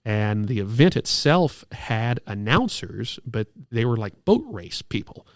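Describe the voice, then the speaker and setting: A man's voice: fairly low pitch, sing-song, unhurried, no echo, studio quality. A man in his thirties, an air show announcer, telling stories enthusiastically in a casual interview. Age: 30s.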